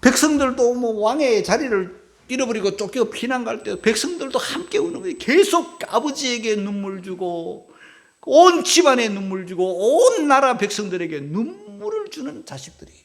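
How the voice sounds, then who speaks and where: A man preaching an emotional sermon as pastor, swinging from cries to hushed whispers and asking the congregation for assent. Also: very high voice, very animated, moderate pace, gravelly.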